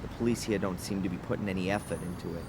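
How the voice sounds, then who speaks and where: A man's voice: sits low, fairly even intonation, racing, noisy background, lightly acted. A man voicing a sullen, sceptical suspect who is a video game's protagonist, dry and sardonic. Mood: determined, sullen. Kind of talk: video game voice acting.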